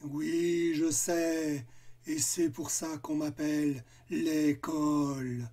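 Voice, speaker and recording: A man voicing a shy, fearful monster in a cartoon story, speaking slowly in a low, gloomy voice. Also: little pitch movement, warm tone, full character voice.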